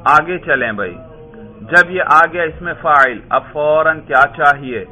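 A man's voice: fairly high pitch, pushed and bright. A man teaching Arabic grammar in a classroom lesson, drilling students with questions and answering them himself. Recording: tinny phone-like recording.

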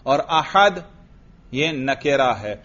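A man teaching Arabic grammar in a slow, patient way, quizzing students with repeated questions and drills. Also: medium pitch, animated, a bit bright, dull audio. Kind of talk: classroom grammar lesson with drills.

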